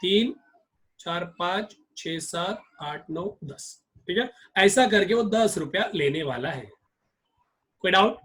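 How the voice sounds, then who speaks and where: A man's voice: high voice, lively intonation, slow, fairly bright tone. A male accounts teacher giving a classroom lecture, drilling his students with repeated questions.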